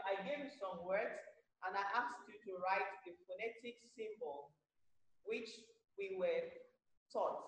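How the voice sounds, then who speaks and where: Slow-speaking Nigerian woman teacher, echoey. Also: mid-range voice. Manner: slow, deliberate, repeats key phrases. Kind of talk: recorded class lesson. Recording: very echoey room.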